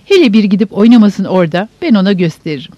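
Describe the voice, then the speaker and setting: A woman voicing a sharp-tongued, bossy older sister who scolds and nags sarcastically, in a dull, dry audiobook recording. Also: mid-range voice, big pitch swings, quick pace, no room sound. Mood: scolding.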